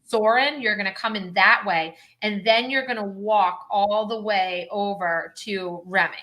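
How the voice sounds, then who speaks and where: A woman guest on a podcast, a travel planner chatting casually with quick lively asides. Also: medium pitch, poor audio. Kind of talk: casual chat.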